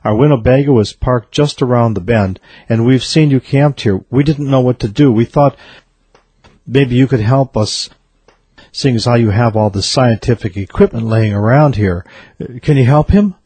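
A man voicing a frantic old gentleman who stammers and begs for help in a joke. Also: moderate pace, breathy edge, no room sound, close to an everyday voice. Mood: pleading. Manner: stammering, high and urgent. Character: frantic pleading old gentleman, grieving his dog.

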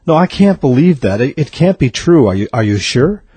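A man voicing a frantic old gentleman who stammers and begs for help in a joke. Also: big pitch swings, a little fast, breathy edge, no echo. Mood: desperate. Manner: stammering, high and urgent. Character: frantic pleading old gentleman, grieving his dog.

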